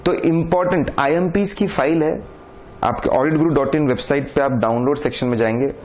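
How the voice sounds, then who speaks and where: A man's voice: a little high, moderate pace. Indian man lecturing exam students. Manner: direct, repeats "correct?" and "theek hai", instructive. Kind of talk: lecture mixing Hindi and English. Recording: dull lo-fi sound with faint noise.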